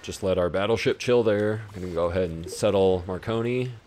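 A man's voice: sits low, a little fast, darkish tone, a little hiss or hum. A young man giving casual, laid-back commentary on his own strategy gameplay, talking to himself as he plays. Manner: laid-back, talks to himself while playing. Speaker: gaming YouTuber.

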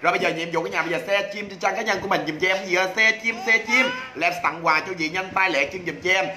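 Male livestream seller, quick high patter, playful and loud, echoey home room. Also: fairly even intonation, a crowd in the background. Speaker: livestream host selling products. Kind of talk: rapid comic livestream patter. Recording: echoey room with faint noise.

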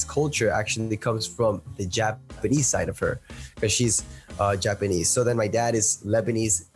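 Young male producer from Peru, eager and rambling, low voice over video call, faint music under. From Peru, raised in Miami. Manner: enthusiastic, many fillers and restarts. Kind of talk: casual interview answers. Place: small plain indoor room. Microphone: headphones and studio mic on video call.

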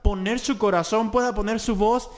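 Over a faintly playing song, a young man from Latin America offers reaction commentary, exclaiming enthusiastically and noting the vocal technique. His voice sits high, with fairly even intonation and a normal pace.

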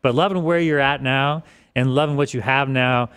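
A man in his mid-forties, a guest in a podcast interview, talking casually in a rambling way with restarts, on a desk boom mic in an office studio. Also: normal speed, fairly bright tone, clear, resonant tone. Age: 40s. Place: office studio with large windows.

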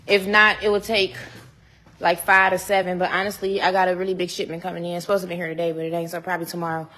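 A woman's voice: lowish voice, flat delivery, fast talker, bright, forceful tone. A young woman vlogging casually in a home garage gym, talking in a laid-back, teasing, slangy way into a phone held at arm's length. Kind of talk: casual home vlog chat.

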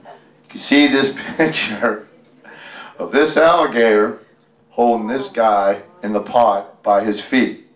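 Slowly and in a fairly low voice, a guest storyteller and tribute performer reads a picture book aloud at a public library event, wandering into casual, folksy asides. He holds a handheld microphone. The audio comes across distant, spacious, and echoing.

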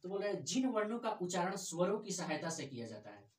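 A man's voice: sits high, very animated, quick pace. Male teacher, explains grammar step by step, asks and answers, distant echoey recording. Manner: asks questions then answers them himself. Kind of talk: grammar lesson. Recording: echoey room, distant mic.

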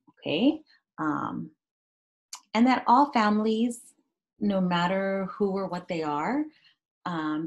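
In a small indoor room at home, a teacher in her thirties shares a picture book with young children, reading it aloud and chatting about it simply. Her voice is mid-range with a darkish tone.

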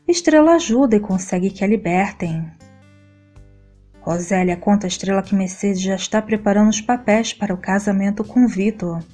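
A woman reads a scripted recap of a soap opera episode aloud at a steady, even pace, her voice at a medium pitch.

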